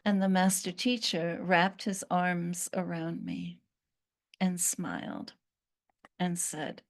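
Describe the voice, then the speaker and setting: A woman channeling a once-cursed fig tree spirit, speaking in a slow, earnest storytelling manner with long pauses. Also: fairly low pitch, vocal fry.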